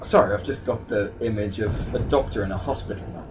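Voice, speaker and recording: A man's voice: on the low side, noisy background. A young man co-hosting a gameplay video, joking and teasing his friend in a casual chat. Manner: joking, teasing, quick asides. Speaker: co-host commentating gameplay. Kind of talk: casual banter over gameplay footage.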